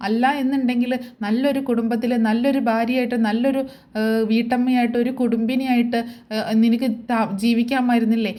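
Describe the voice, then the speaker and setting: A woman's voice: on the high side, level tone, a little fast, dark tone, close to an everyday voice. A woman voicing a stern elderly grandmother who lectures and reproaches her daughter. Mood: reproachful.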